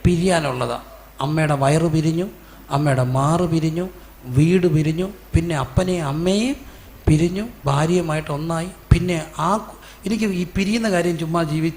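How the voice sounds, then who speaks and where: A man's voice: on the high side, creaky, slight background noise. A man, a pastor preaching a storytelling sermon, quizzing the congregation with questions and acting out quoted voices.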